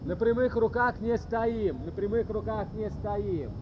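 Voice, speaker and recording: A man's voice: high voice, measured pace. A man coaching a group workout like a gym bro, giving commanding, short, repeated cues and counts. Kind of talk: loud group workout instruction, counting and cueing. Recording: muffled, noisy outdoor recording with traffic.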